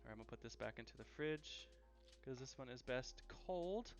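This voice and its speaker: A man chats in an easygoing way while hosting a live cooking stream from his home kitchen, repeating phrases for emphasis. His voice is medium-pitched and expressive at a moderate pace, and the audio is dull and lo-fi.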